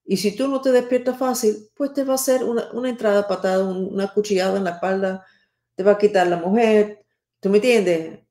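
A woman astrologer reads the horoscope in an emphatic, dramatic way and acts out each sign as she goes. Her voice sits at a middle pitch. The room adds a clear echo. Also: fairly quick, dark tone. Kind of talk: spoken horoscope reading. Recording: roomy echo.

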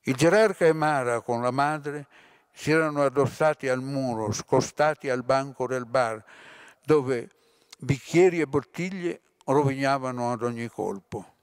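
A man lectures and reads a literary passage aloud at a measured, expressive pace. His voice is mid-pitched, and the recording is close and dry, with no room echo. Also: smooth. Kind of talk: reading a novel passage aloud.

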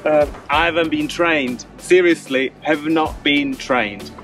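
A man with a high voice talks casually on a sailing vlog, teasing and playful, stretching out his jokes. As the boat's first mate, he sounds light and mischievous. Music plays clearly underneath him. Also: slow, fairly bright tone.

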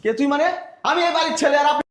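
An actor playing a lazy, spoiled young man who loudly and whiningly demands food. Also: extremely high pitch, flat delivery, rapid-fire. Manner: whiny, demanding, loud. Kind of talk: village family drama acting.

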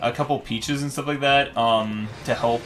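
A man's voice: medium pitch, fairly even intonation, moderate pace, fairly bright tone. A man casually commentating as he plays a game, his voice sounding tinny and metallic, like he is in a tin can. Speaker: host and player of a gaming series. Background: video game music.

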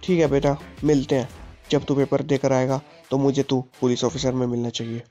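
A man's voice: mid-range voice, level tone, a little fast, dark tone, soft background music. A man voicing an angry poor father who rants and threatens while narrating a game story. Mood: fatherly. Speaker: gaming channel host.

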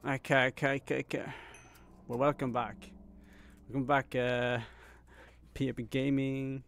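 A man's voice: medium pitch, flat delivery, measured pace, vocal fry, fairly bright tone, a little hiss or hum. A young man live-streaming a game, chatting casually with viewers, laughing often and calling people bro and man. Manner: laid-back, laughs often, says "bro" and "man" a lot.

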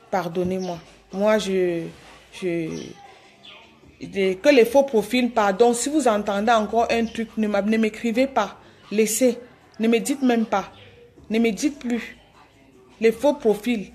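On a phone live stream, a woman with a mid-range, darkish voice delivers an apology to her followers. Her pleading comes with repetition and halting restarts.

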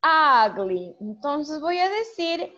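A woman teaching a primary school English class online, drilling vocabulary with slow, patient repetition. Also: sits high, sing-song, pushed and bright, muffled recording.

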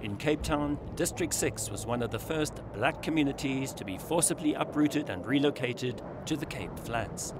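A man reading scripted documentary narration in a measured, grave, low-toned voice. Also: animated, background noise. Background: loud music score.

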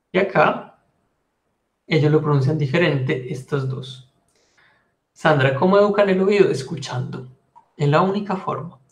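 A man's voice: fairly high pitch, echoey room. A man teaching a language lesson, patiently explaining pronunciation and repeating each sound over and over. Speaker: French teacher.

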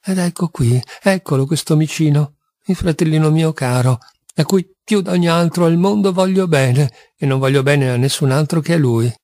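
A man's voice: a little high, moderate pace, darkish tone, no room sound, studio quality, close to an everyday voice. A man reading an audiobook, voicing a passionate, tormented young man who swings between despair and wild exultation. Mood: brooding.

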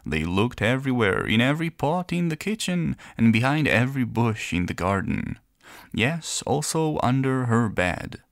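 A man reading a children's fairy tale aloud in a gentle, playful storyteller manner. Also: mid-range voice, big pitch swings, normal speed, vocal fry, no echo, clean studio sound. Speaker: narrator.

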